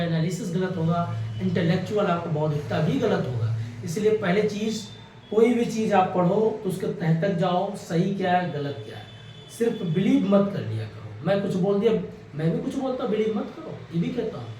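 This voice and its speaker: A man lectures an exam-prep class in a fairly high voice, chatty and repetitive, tossing out rhetorical questions. He sounds a step away from the mic, and his voice booms around a bare, echoing room. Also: a little mellow, distant mic, a little hiss or hum. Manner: conversational, repeats key words, asks rhetorical questions. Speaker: exam coaching teacher.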